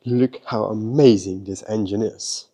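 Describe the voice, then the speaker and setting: Man, mellow warm tone, casual workshop vlog, enthusiastic. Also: fairly low pitch, steady tone, a little slow. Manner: enthusiastic, repeats "beautiful" and "amazing". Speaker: car detailing workshop host. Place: car workshop.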